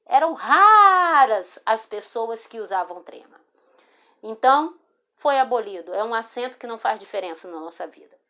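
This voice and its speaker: A Brazilian woman with a Brazilian Portuguese accent explains a spelling lesson over a screen recording, picked up on a phone or screen recorder mic. Her voice is a little high and sharp with big pitch swings, and she speaks slowly and patiently, repeating words and checking in with "tá?".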